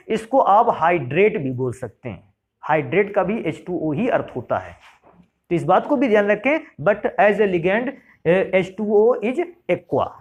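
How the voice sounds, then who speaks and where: Lively high-voiced man teaching chemistry. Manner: asks rhetorical questions and answers them; addresses students fondly as "beta". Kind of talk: classroom lecture.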